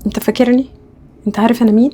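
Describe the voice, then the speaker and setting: Calm Egyptian psychiatrist, played by a woman, rapid but steady and soothing. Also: fairly high pitch, husky. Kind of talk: web drama acting.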